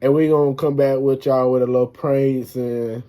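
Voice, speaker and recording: A man's voice: medium pitch, fairly even intonation, normal speed, dark tone. A young man chatting casually in a vlog, slangy and protective as an expecting father. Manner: laid-back slangy talk, protective. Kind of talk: casual chat.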